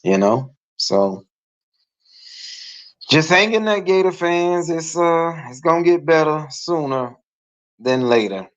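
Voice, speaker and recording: Male guest, frank sports-fan talk, unhurried, dull lo-fi call sound. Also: fairly high pitch, expressive. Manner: plain-spoken, frank, repeats his points. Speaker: guest co-host. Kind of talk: casual sports chat. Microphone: video call.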